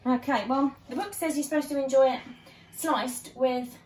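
A woman's voice: high-pitched, fairly even intonation, normal speed, a little mellow. A woman from Sussex, chatting playfully as host of a home vlog in her kitchen. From Sussex, England. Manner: chatty and playful, with bursts of laughter. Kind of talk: casual home vlog chat.

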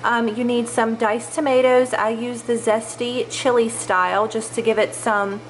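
Young woman, home vlogger, a bit higher voice, casual and chatty, handheld camera sound indoors. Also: fairly even intonation, measured pace. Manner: chatty, upbeat, lots of fillers. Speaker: lifestyle vlogger. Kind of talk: casual home tour chat. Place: large home kitchen and dining room, indoors. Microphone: handheld camera mic.

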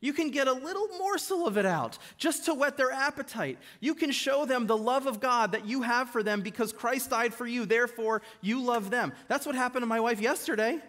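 A middle-aged man preaching a sermon in a church, retelling stories and dropping his voice low and soft for quoted lines. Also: lively intonation, fairly quick, few pauses. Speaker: guest preacher. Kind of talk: sermon with storytelling. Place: church sanctuary.

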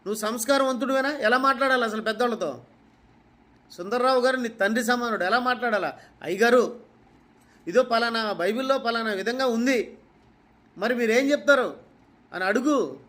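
High-voiced scolding preacher from Kadapa. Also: male voice, bright, forceful tone. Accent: Kadapa Telugu. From Kadapa, Andhra Pradesh. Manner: scolding, rhetorical questions, repeats himself. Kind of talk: confrontational rebuttal speech.

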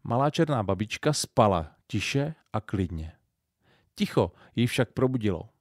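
A man with a Silesian accent reading an audiobook in an expressive storytelling style. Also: on the low side, no room sound, studio quality. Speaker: audiobook narrator. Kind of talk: scripted narration.

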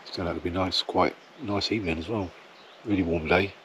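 Middle-aged English man, low and level delivery, casual outdoor vlog, arm's-length camera. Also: steady tone, a little fast, a bit bright, a little hiss or hum. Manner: plain, chatty, matter-of-fact. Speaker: wildlife photographer. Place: outdoors in a field by trees.

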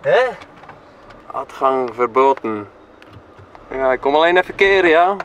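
Over background music and a noisy backdrop, this young travel vlogger chats upbeat with his viewers, recorded on a handheld camera both in a car and outside. His medium-pitched voice is animated but a little slow, and he adds playful mouth sound effects.

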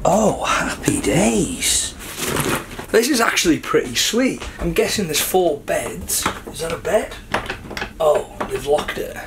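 A man's voice: a little high, very animated, slow, noisy background. A young Welsh man from the UK filming a casual travel vlog, chatty and upbeat, talking to a handheld camera on a cruise ship. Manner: chatty, upbeat, thinking aloud while walking. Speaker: travel vlogger. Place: cruise ship decks, cabins and bar. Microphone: handheld camera at arm's length.

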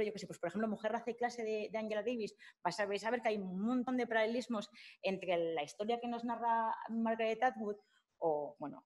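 Woman lecturing, halting and informal. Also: medium pitch, darkish tone. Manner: informal, many fillers and restarts. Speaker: lecturer at a summer course. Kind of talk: academic talk with slides.

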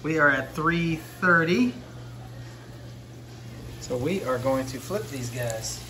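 A man's voice: fairly high pitch, slow, a little hiss or hum. Chatty man cooking in a home kitchen. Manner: relaxed, chatty, talks while cooking. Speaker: fishing vlogger. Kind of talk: casual cooking narration. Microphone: handheld phone camera.

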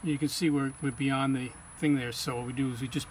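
With a medium-pitched, steady voice and a fairly quick pace, a man walks through calibrating equipment in a casual, plain-spoken tutorial. The audio quality is poor, with clear ambient noise or hum behind him.

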